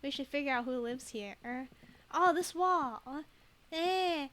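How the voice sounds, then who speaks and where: A woman's voice: high-pitched, slow, fairly bright tone. A woman streaming a detective game, chatting playfully and laughing often. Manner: playful, giggly, reads game text aloud. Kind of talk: casual let's play commentary.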